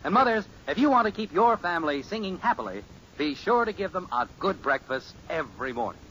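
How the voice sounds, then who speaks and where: A man's voice: high voice, sing-song, brisk, bright, forceful tone, a little hiss or hum, rough recording. A man reading a scripted 1950s radio sponsor lead-in as the show's announcer. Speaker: show announcer.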